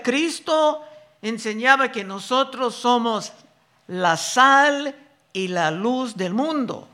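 A man preaching a sermon, reading Bible verses slowly and deliberately and explaining them. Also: extremely high pitch, bright, forceful tone.

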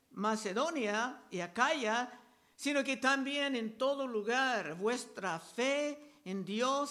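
A man preaching a sermon, reading scripture verses aloud and explaining them slowly and deliberately. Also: very high-pitched. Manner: slow, deliberate delivery, raising voice for quoted crowd shouts.

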